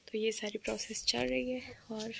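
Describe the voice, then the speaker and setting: A young woman, talking slowly and softly in a casual vlog, tired and sleepy. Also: on the high side, little pitch movement, creaky, slight background noise. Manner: soft-spoken, slow and subdued. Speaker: vlogger.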